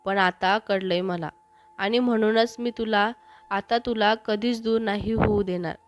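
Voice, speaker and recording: A woman voicing an overjoyed young man in love, talking in an eager, softly gushing way in a storybook. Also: mid-range voice, fairly even intonation, a little slow, faint music behind, natural voice. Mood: tender.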